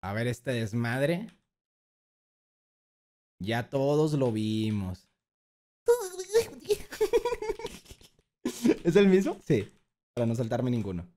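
A Colombian man in his twenties reacts on a livestream to a video about himself from an indoor streaming room. His mid-range voice is very slow with many pauses, and he jokes around expressively, using slang and swearing.

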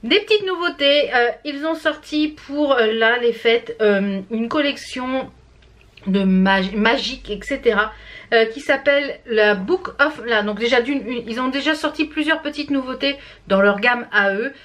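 A woman's voice: a little high, measured pace, fairly bright tone. A woman from France chatting casually through a makeup product review, with many fillers and restarts. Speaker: beauty vlogger.

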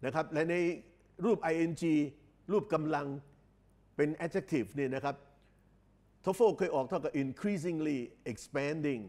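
A man lectures, explaining slowly, repeating phrases and drawing out each English word. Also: fairly high pitch, a little mellow. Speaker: English exam tutor. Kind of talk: recorded lecture.

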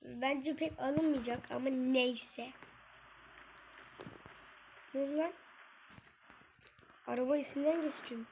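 A woman's voice: high voice, fairly even intonation, takes it slowly, creaky, long pauses, a little mellow, a little hiss or hum. A woman giving casual gameplay commentary, muttering and cursing at the game and chatting to her viewers. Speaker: gaming streamer.

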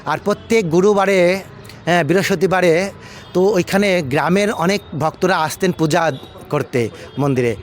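A man from India, an ISKCON monk, recounting his past in an unhurried, casual storytelling way, repeating himself and pausing on fillers. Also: high-pitched, a little hiss or hum. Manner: unhurried, repetitive, with many fillers and restarts.

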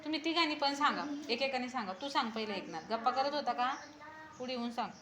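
A woman's voice: high-pitched, animated, fast, crowd noise. A woman schoolteacher questioning young pupils in class, coaxing them and repeating her questions, telling them to speak up. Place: school classroom full of children. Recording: noisy classroom ambience.

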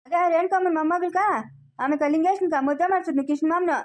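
A woman with a very high voice argues insistently and very fast. She plays a son who defends his wife in an amateur family drama. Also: steady tone. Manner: insistent, argumentative.

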